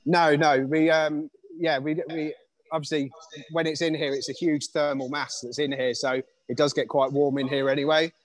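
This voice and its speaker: A man gives a relaxed guided walkthrough, talking through a phone as he moves around. His speech is loose and casual, full of ums and "obviously.". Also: a little high, normal speed. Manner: casual, many fillers. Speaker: stadium grounds manager.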